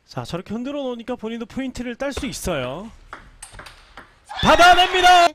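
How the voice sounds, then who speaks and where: Excitable high-voiced male table tennis caster. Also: quick pace, very noisy. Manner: excitable, calling each point, bursts into shouts. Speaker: play-by-play caster. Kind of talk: live table tennis commentary.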